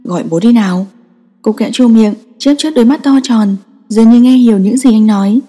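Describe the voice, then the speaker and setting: A woman narrating a story in a steady, scripted storytelling style. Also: fairly high pitch, fairly quick, in a large hall. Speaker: audiobook narrator.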